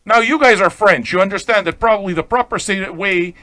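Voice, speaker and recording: Ranting off the cuff on his online pirate radio show, this Montreal man, an Italian native speaker, sounds brash, profane and combative in a higher pitch. He hammers his points, repeats phrases and keeps asking "okay?". His voice is bright and forceful, fairly quick, in a dry recording.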